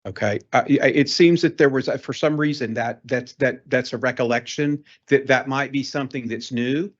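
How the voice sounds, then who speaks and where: A man's voice: mid-range voice, normal speed. A man presenting a proposal and answering questions at a meeting in an auditorium, accommodating and a little hesitant. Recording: dull lo-fi meeting recording.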